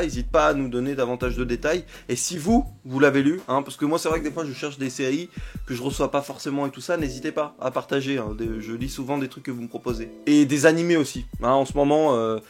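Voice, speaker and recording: A young man chats casually as host, answering viewer comments in a loose, rambling way. He trails off, restarts his sentences and leans on fillers, and his voice sits in a middle pitch. Soft music plays faintly behind him. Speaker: manga video host.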